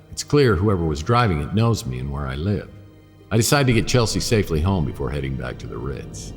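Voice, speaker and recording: In a noir radio drama, a man with an extremely low voice portrays a self-deprecating, wisecracking private eye. He delivers his lines deadpan in a brooding, matter-of-fact mood, and the performance is heavily acted.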